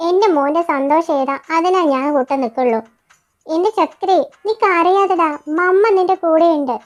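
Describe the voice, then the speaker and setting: A woman voicing a gentle, loving mother, very high-voiced. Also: normal speed. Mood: tender. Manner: soothing, reasoning. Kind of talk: amateur audio drama dub.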